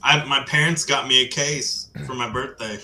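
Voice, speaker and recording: A man's voice: medium pitch, steady tone, normal speed, sharp tone. A man co-hosting a casual livestream, easygoing and matter-of-fact. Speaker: co-host.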